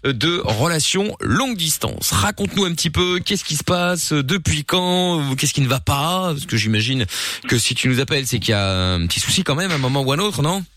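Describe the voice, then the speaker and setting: A man hosting a call-in talk show, greeting listeners and questioning a caller in a joking, lively way. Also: fairly high pitch, brisk. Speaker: radio talk show host.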